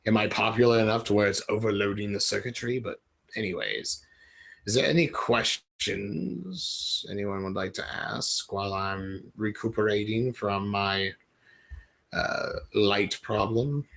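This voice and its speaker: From a dimly lit room at home, this Ohio-born streamer wanders jokily from topic to topic, mocking himself in an affected British-ish accent. His fairly low, creaky voice has a fairly bright tone and an unhurried pace.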